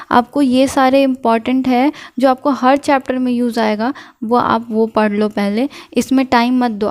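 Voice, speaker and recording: A young woman teaches basic math for entrance exams in a relaxed, chatty way. Her voice sits a little high. She is direct and reassuring, and keeps telling students not to waste time on certain questions. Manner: direct, reassuring, tells students to skip topics. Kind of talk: casual Hinglish exam-prep lesson.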